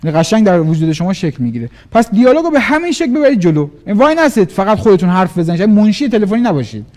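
A man giving an animated motivational business talk, acting out little dialogues in different voices. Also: high voice. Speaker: business trainer.

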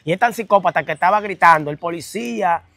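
A man with a Dominican Spanish accent tells his story in a rapid, slangy rush. His voice sits a little high. He jumps into raised, acted-out quotes of what others said. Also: creaky, no echo. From Dominican Republic. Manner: animated, acts out quotes in a raised voice; street slang. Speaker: guest. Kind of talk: storytelling in an interview.

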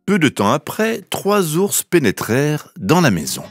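A man's voice: a little high, wildly swooping pitch, unhurried, music in the background. A man narrating a children's fairy tale in a lilting, sing-song way, drawing out the repeated phrases. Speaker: storyteller.

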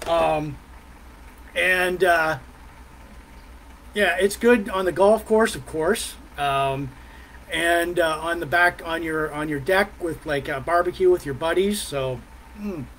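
A middle-aged man with a noticeably high voice hosts a casual live vlog. He wanders through his thoughts haltingly, with frequent pauses and mm sounds. There is clear background noise in the room. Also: a bit bright, low-quality recording. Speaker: host of a live music and beer review vlog. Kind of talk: casual rambling live chat. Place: small decorated room at home, indoors.

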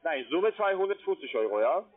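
A man's voice, on the high side and sing-song, comes through a narrow, tinny phone line at a fairly quick pace. He's a call centre sales agent who isn't a native German speaker, pushing insistently in ungrammatical phrases.

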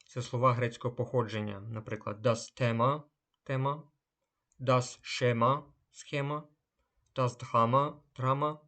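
A man's voice: medium pitch, fairly even intonation, a bit bright. A man teaching a language lesson, drawing out each German example word before giving its meaning. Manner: slow, drawn-out German example words. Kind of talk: unhurried lesson.

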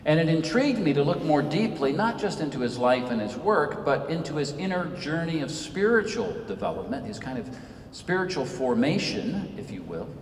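In a big church sanctuary, a guest speaker and author from Senegal, in his fifties, lectures earnestly and deliberately, using rises and falls for emphasis. His voice is fairly high and very animated. It was recorded from far off via the podium mic, leaving echo and faint hiss.

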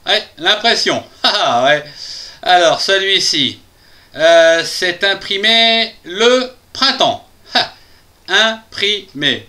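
A man's voice: high-pitched, pushed and bright, exaggerated voice. A man voicing a cheerful little bear teacher. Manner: spells words out slowly syllable by syllable, chuckles often. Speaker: spelling teacher. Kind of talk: children's phonics lesson.

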